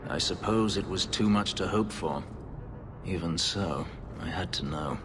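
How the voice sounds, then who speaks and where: In video game dialogue, a man with a low, unhurried voice plays a brooding elf warrior who escaped slavery. He speaks gravely, formally and tersely, with the game score and background noise underneath.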